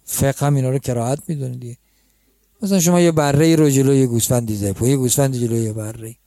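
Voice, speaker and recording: Guy preaching, telling a story super conversational, talks to the crowd like friends, mellow dry sound. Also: mid-range voice, steady tone, dry recording. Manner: conversational, addresses listeners as friends. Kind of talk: storytelling sermon.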